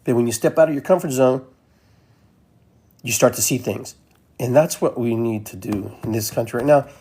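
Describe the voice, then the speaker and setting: A man's voice: mid-range voice, normal speed, mellow, breathy edge. A man from Peru hosting a podcast, talking in a loose, rambling monologue that keeps repeating phrases. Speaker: podcast host. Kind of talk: casual monologue.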